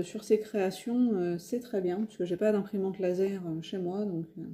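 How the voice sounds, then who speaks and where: A woman's voice: medium pitch, mellow. French woman chatting through a craft haul. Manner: hesitant, many fillers and restarts. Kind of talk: casual haul video talk. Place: home, near a window.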